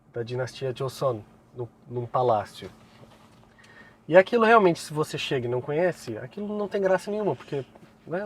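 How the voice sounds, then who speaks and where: A man from Brazil giving casual advice as a co-host, chatty and relaxed, laughing often as he talks. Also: mid-range voice. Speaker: co-host, Korean teacher. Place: inside a moving car. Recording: faint car noise. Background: faint vehicle noise.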